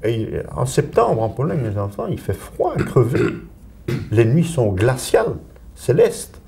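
A man's voice: mid-range voice, big pitch swings, measured pace, gravelly, background noise. A man in his eighties with a Belgian French accent, giving his testimony as a survivor and telling it vividly to young listeners. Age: 80s. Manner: vivid storytelling, acting out quoted voices. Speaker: Holocaust survivor witness.

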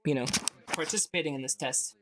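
A man's voice: on the high side, quick pace, background noise. A man in casual role-play banter with other people.

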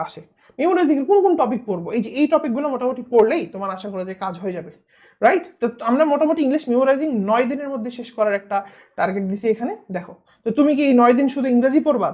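Fast-talking tutor man. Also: very high-pitched, a little mellow. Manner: blunt, teasing, keeps asking "right?". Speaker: admission test tutor. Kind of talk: casual video lecture.

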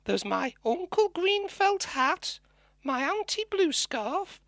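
Innocent little girl for puppet comedy, squeaky high, unhurried, childlike. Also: big pitch swings, a bit bright, dry recording, clean studio sound, heavily acted. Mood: earnest, chatty. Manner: matter-of-fact, childlike. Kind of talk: comic puppet show dialogue.

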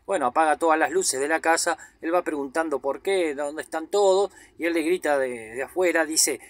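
A man's voice: fairly high pitch, a little fast, no echo. A man casually recapping a movie in a loose, slangy way. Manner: chatty, loose retelling with slang asides and fillers. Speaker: film commentator.

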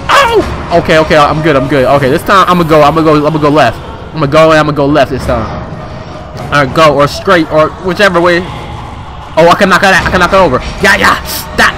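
A young man giving comedic let's play commentary, excitable and slangy, often yelping and shrieking in panic. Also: on the high side. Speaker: gaming video host.

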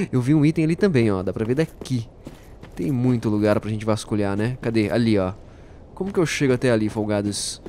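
A man giving playful, jokey let's-play commentary, talking to his viewers and bursting out excitedly during fights. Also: medium pitch, moderate pace, slight background noise. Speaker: gaming YouTuber.

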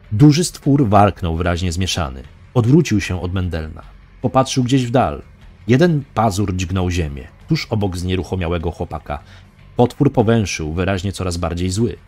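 Low-voiced man, lively dramatic reading. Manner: dramatic reading, voicing characters. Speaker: audiobook narrator. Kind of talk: fan audiobook reading of a fantasy novel.

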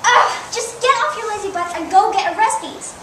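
A woman's voice: extremely high pitch, animated, normal speed, a bit bright. Clytemnestra, a young woman playing a cackling scheming queen. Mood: bossy. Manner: exaggerated, sarcastic, cackling. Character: scheming vengeful queen, a wife. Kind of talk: amateur school skit acting. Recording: roomy, distant camera mic, noisy.

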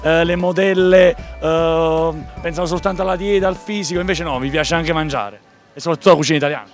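A man conducts on-location interviews in a somewhat high male voice. His questions are polite and wordy. Music is clearly audible in the background. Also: steady tone, fairly quick. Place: outdoor street at night. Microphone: handheld interview microphone.

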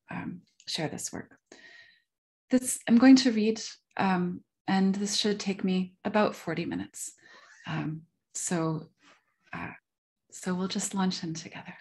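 This online academic lecture comes from a woman speaking as a guest over video call. Her voice is on the low side, and her slow, deliberate delivery feels careful and mindful of listeners.

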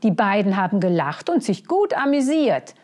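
A woman's voice: medium pitch, big pitch swings, moderate pace, darkish tone, close to an everyday voice. A woman reading a children's picture book, voicing a smug, needling, gossipy crow.

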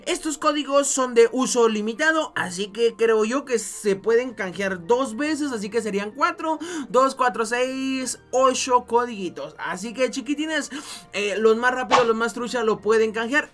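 A man's voice: high-pitched, a bit bright. A male gaming YouTuber addresses his audience in an upbeat vlog style. He leans on affectionate, cutesy diminutives as though talking to small children, and repeats words for emphasis. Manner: affectionate diminutives, addressing viewers like little kids; repetitive, emphatic phrasing.

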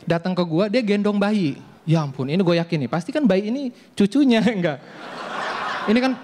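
A man doing stand-up comedy in a soft, effeminate manner, acting out scenes on stage. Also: high-pitched, expressive, a little fast. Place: stage before live audience. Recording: noisy studio with crowd.

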